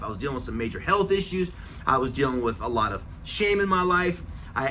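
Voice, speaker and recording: A man's voice: on the high side, bright, forceful tone, slight background noise. A middle-aged man hosting a show, giving an earnest, emphatic motivational talk and chanting affirmations. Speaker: show host.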